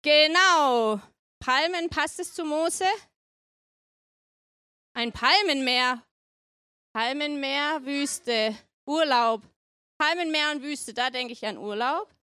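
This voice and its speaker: High bright woman preacher, chatty and playful, dry sound. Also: slow, pauses often, no room sound. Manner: playful, chatty, asks the audience often. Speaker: preacher at a family service. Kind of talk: lively sermon with questions to the congregation. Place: church.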